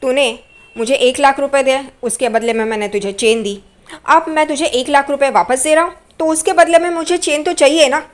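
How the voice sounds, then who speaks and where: High-voiced scheming gangster guy, taunting and scolding, read by a woman. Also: normal speed, natural voice. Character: brash scheming male gangster.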